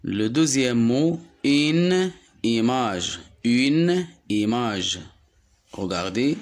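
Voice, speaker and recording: A man from Morocco with a Moroccan accent, teaching young children to read and repeating each word slowly, syllable by syllable. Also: on the low side, slight background noise. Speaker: primary school teacher. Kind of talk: slow, deliberate reading lesson for young children.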